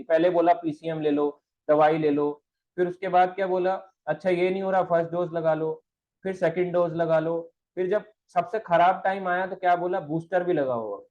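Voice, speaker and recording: A man leads an online devotional class, his fairly high voice pressing each point home with preachy emphasis. English words slip into his Hindi as he explains and answers viewers. The sound comes through thin and tinny, like a phone line.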